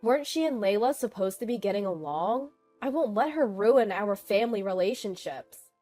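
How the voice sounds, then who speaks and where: A woman's voice: mid-range voice, lively intonation, moderate pace, mellow, soft background music. A woman reading a first-person family drama story in an earnest, dramatic manner. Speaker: narrator. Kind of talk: scripted first-person narration.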